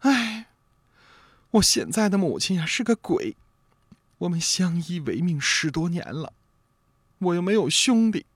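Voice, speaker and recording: A man voicing a young fox-spirit bride in a traditional story, speaking in a soft, pleading falsetto. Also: very animated, measured pace, long pauses, husky, no room sound, studio quality, heavily acted. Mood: tearful pleading.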